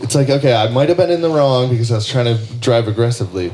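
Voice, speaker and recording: A man's voice: mid-range voice, expressive, fast talker, darkish tone, slight background noise. A young man hosting a podcast, casually telling a story with lots of swearing and laughter. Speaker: podcast host. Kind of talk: casual chat.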